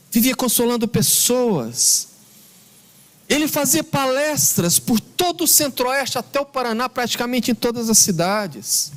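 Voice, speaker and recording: Telling a story during a spiritist talk, a high-pitched man with a Brazilian Portuguese accent sounds earnest and forceful. He draws out the words that matter most.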